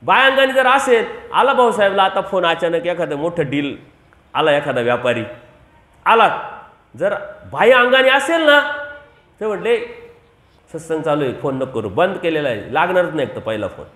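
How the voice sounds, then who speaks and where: High-voiced Marathi preacher in an echoey room. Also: male voice, big pitch swings, moderate pace, a bit bright. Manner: rhetorical questions to the audience, emphatic repetition. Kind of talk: devotional sermon.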